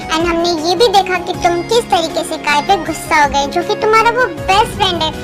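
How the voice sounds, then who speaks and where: Woman doing a strict big sister, lecturing, very high voice, background music. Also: brisk. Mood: scolding. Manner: scolding, lecturing. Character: stern but caring older sister. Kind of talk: Hindi fan dub drama.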